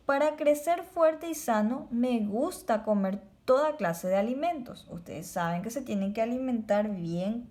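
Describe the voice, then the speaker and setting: A woman teacher gives a children's language lesson. She speaks slowly and clearly and repeats words for the pupils to copy. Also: fairly high pitch, darkish tone. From Paraguay.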